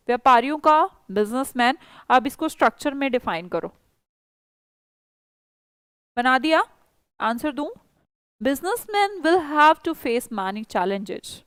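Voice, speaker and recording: A woman's voice: high-pitched, a bit bright, no room sound. A woman with an Indian accent teaching a spoken English class online, coaxing and reassuring her students.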